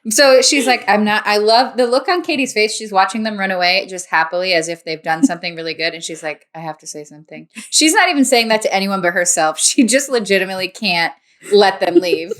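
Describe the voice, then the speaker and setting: A young woman co-hosting a casual podcast, chatty and animated as she tells stories. She teases playfully and jumps between topics with quick energy. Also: medium pitch. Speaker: podcast co-host. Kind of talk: casual chat.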